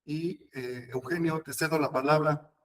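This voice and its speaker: A man's voice: on the high side, steady tone, normal speed, poor audio. A man moderating a webinar, introducing the next speaker briefly and courteously.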